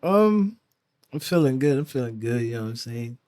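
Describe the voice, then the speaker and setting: A man's voice: mid-range voice, expressive, normal speed, darkish tone, no echo. A young man co-hosting a casual podcast, teasing his friends and laughing often. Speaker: podcast co-host. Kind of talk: casual chat.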